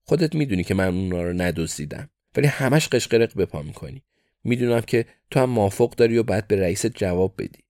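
A man voicing a calm, wry, middle-aged English fixer who soothes an angry client. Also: on the low side, dry recording, studio quality.

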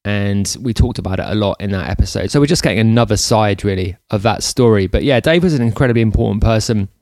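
A man hosting a podcast, talking in a relaxed, rambling way with many fillers. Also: on the low side, fast talker, no echo, studio quality. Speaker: podcast host. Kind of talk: casual podcast chat.

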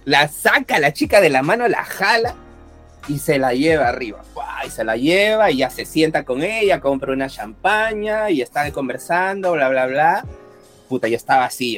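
A man telling an animated, swear-filled story in casual chat and acting out the voices as he goes. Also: medium pitch. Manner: animated, profane anecdote-telling, acts out voices.

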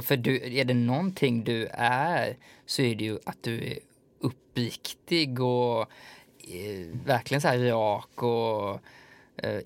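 A man interviewing a guest, asking in a thoughtful, searching way. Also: mid-range voice. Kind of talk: casual interview.

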